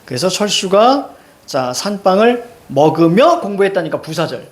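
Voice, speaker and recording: A middle-aged man teaching grammar, working briskly through exam questions and checking in with his students. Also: high voice, big pitch swings. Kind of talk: classroom lecture, solving exam questions.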